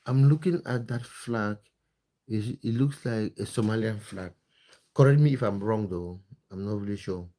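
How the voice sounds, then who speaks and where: On a relaxed live stream, a Cameroonian football content creator reads viewer comments aloud in a chatty, friendly way, often restarting and using fillers. His voice is mellow and on the low side.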